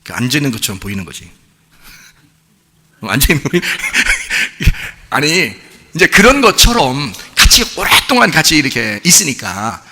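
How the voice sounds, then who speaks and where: A man's voice: mid-range voice, very animated, normal speed, pushed and bright, slightly rough. A middle-aged man preaching a sermon as pastor, talking conversationally with many rhetorical questions. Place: church sanctuary. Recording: long hall reverb.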